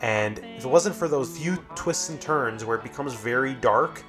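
A man's voice: mid-range voice, animated, normal speed. Man, podcast co-host, thoughtful explainer, casual talk, faint music underneath.

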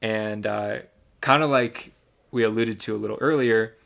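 A man's voice: fairly low pitch, moderate pace, creaky. A young man co-hosting a podcast, casually recounting a race he ran, with lots of ums and restarts. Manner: relaxed storytelling with many ums and restarts. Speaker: podcast co-host, runner.

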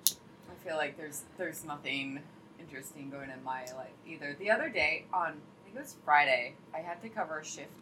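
A young adult woman talking in a relaxed, chatty way, her tone a little low yet bright and sharp. She strings stories together loosely, full of "like" and easy laughs. There is a faint hiss of noise behind her. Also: moderate pace, rough recording. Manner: chatty storyteller, heavy use of "like", laughs often. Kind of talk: casual chat.

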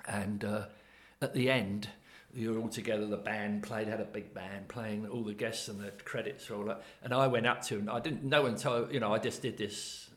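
A man's voice: fairly low pitch, steady tone, moderate pace, hardly any pauses, a bit bright. Older man telling rambling stories. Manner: rambling storyteller, chuckles often. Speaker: comedian guest. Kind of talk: casual chat.

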